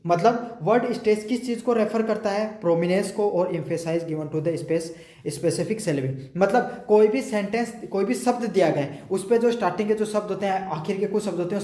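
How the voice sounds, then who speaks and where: A man teaching exam prep. He reads English notes slowly, then explains in quick, chatty Hindi and keeps checking that students have understood. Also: high-pitched, darkish tone. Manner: keeps asking "समझ में आ गया?". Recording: echoey room.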